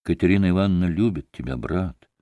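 A man reading an audiobook, voicing a gentle, timid younger brother who speaks softly and pleadingly. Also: on the low side, animated, measured pace, no echo. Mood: earnest. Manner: soft and pleading.

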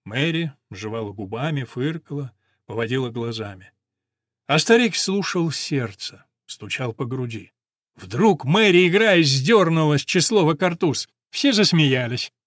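A man narrating a story in a measured, expressive audiobook reading. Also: fairly high pitch, dry recording, studio quality.

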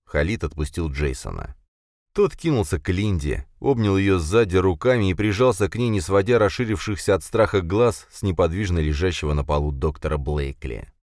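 Low-voiced man narrating a thriller. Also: normal speed, no echo, studio quality. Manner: expressive, tense storytelling. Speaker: audiobook narrator.

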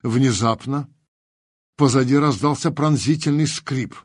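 Husky male audiobook narrator. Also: mid-range voice, unhurried, no room sound, clean studio sound.

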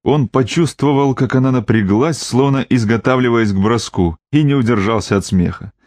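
Male audiobook narrator, measured read, middle pitch, dry close mic. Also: darkish tone, no room sound. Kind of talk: scripted narration.

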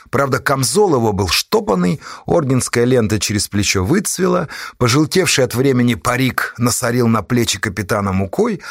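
Male audiobook narrator, animated, husky, dry close mic. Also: mid-range voice, no echo.

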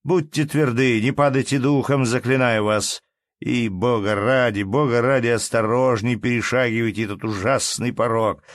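A man's voice: medium pitch, steady tone, moderate pace, no room sound, studio quality, pitched above the performer's own voice, close to an everyday voice. A man voicing a fawning, gallant young male ensign who speaks in an effusive, sugary courtly tone. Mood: gushing.

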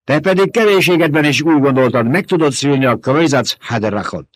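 A man's voice: fairly high pitch, no room sound, voice pushed up, natural voice. A man voicing a stern, scornful old woman who mocks and scolds in a domineering way. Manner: mocking and domineering.

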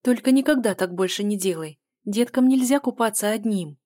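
A woman reading as a sharp-tongued young mother. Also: medium pitch, moderate pace, no echo, clean studio sound, lightly acted. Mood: indignant. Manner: cutting, indignant. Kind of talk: audiobook dialogue reading.

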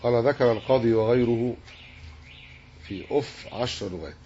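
A man teaching a religious lesson, measured and explanatory as he works through a hadith commentary. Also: medium pitch, mellow. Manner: measured, explanatory, dwells on word forms. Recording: dull lo-fi recording with faint hiss.

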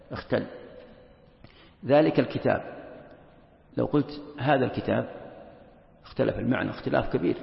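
Gravelly sheikh in an echoey hall. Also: male voice, medium pitch. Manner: emphatic, repeats key phrases, asks rhetorical questions. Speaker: sheikh teaching Quran commentary. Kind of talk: classroom lecture. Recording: echoey hall, dull lo-fi sound.

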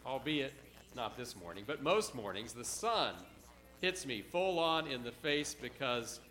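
Preacher, male, bright forceful tone, dramatic sermon delivery with emphatic repetition. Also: medium pitch, big pitch swings. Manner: dramatic, repeats words for emphasis, slows on quiet phrases.

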